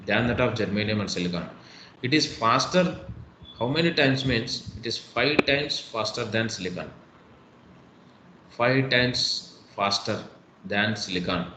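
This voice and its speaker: A man's voice: mid-range voice, animated, moderate pace. A man with an Indian English accent giving an online lecture, repeating key points emphatically with many fillers. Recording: echoey room with faint noise.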